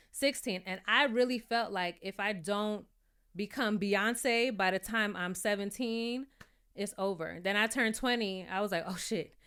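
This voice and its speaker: A woman's voice: mid-range voice, a bit bright, clear, resonant tone. Chatty New York woman reviewing TV. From New York City. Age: 30s. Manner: chatty, candid, laughs easily. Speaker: YouTube TV show reviewer. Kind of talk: casual review chat.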